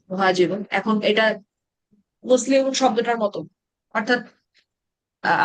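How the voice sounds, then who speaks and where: A woman with a slightly high voice teaches an Arabic grammar class, speaking with a Bangladeshi Bengali accent. She explains patiently and puts questions to her students. There is no room sound on the recording.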